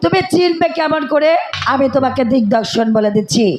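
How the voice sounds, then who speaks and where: A woman's voice: high voice, lively intonation, fairly quick, a little mellow, a little hiss or hum. An actress playing a kindly foster mother who gives instructions in a theatrical, declamatory stage style. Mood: guiding, instructing. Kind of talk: Bengali jatra folk theatre acting. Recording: music behind the voice.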